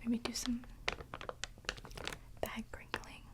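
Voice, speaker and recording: Woman, soft ASMR whisper, very breathy, slow pace, hesitant pauses, chatting to viewers. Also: a little high, monotone. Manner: slow, hesitant, pausing between short phrases. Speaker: ASMR video host.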